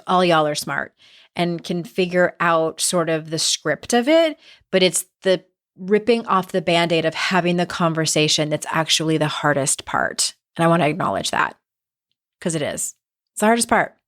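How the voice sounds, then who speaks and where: A middle-aged woman hosting a casual solo podcast, candid and conversational, with some vocal fry in her voice. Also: lowish voice, fairly bright tone. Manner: candid, conversational, with mild swearing. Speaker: podcast host and self-help author.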